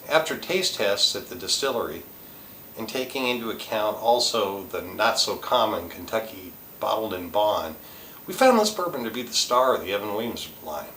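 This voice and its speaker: A lower-voiced man reads a scripted review, his pitch rising and falling a great deal as he lists tasting notes. His tone is bright and forceful. He sounds distant from the mic, in a roomy, echoing space. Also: slight background noise. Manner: reads tasting notes in a lively, listing delivery. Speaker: host.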